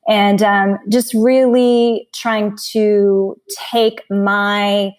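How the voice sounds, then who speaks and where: A woman in her forties, a coach and author, chatting as a podcast guest in a frank, animated way, laughing and swearing freely. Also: mid-range voice, extremely slow. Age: 40s. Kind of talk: casual chat.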